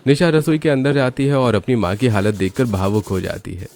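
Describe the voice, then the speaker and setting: A man narrating a cartoon story in a steady storytelling manner. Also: medium pitch, a little fast, a little hiss or hum. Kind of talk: scripted narration.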